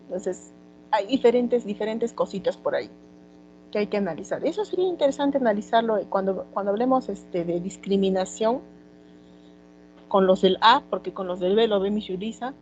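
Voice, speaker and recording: Peruvian woman teaching a relaxed class. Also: medium pitch, normal speed, dull audio, slight background noise. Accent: Peruvian Spanish. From Peru. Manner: conversational, many fillers like "este". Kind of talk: online class lecture.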